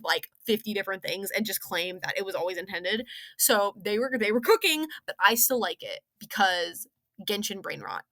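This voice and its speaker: A young woman with a mid-range voice rambles casually through an opinionated review of a game's story. She's slangy and sarcastic, with animated, exaggerated emphasis.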